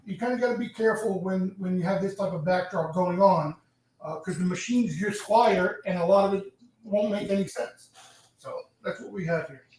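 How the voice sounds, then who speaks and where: A man's voice: high voice, a little mellow. A man from Long Island hosting a trading stream, giving blunt, profane market commentary full of fillers. His voice sounds like it is in a cave. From Long Island, New York. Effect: cave-like echo, far from the mic. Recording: cavernous echo, distant mic.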